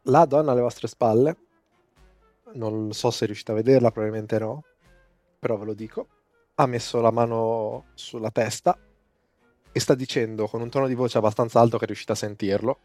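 A man narrating as game master in a tabletop role-playing session, explaining rules and scenes in a relaxed way. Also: medium pitch, normal speed, no echo, soft background music.

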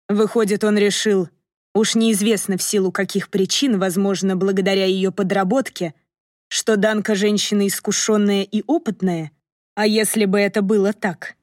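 A woman narrating an audiobook in a calm, measured storytelling manner. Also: mid-range voice, no room sound, clean studio sound.

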